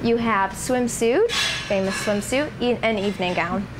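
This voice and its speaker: In an interview, a young pageant titleholder answers with poise and explanation at a moderate pace. Her voice sits at a medium pitch, and the recording carries noisy room ambience.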